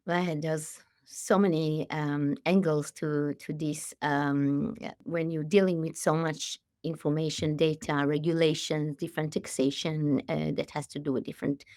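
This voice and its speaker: Israeli-born woman in her late forties, halting speech. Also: deep voice, level tone, no room sound, clean studio sound. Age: 40s. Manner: warm, halting, many fillers and restarts. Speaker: CEO and guest. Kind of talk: conversational interview.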